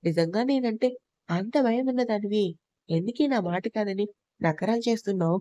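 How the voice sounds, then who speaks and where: A woman's voice: medium pitch, moderate pace, mellow, no room sound, close to an everyday voice. A woman voicing a stern, possessive young husband in a storybook reading, speaking harshly and commandingly. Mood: mocking.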